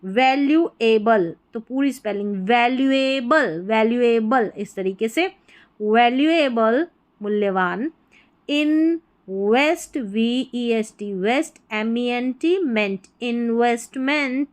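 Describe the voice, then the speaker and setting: A woman gives a patient English reading lesson. She speaks slowly and deliberately in a fairly high voice, spelling out each word letter by letter before saying it whole and explaining what it means. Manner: spells words letter by letter, then explains pronunciation and meaning.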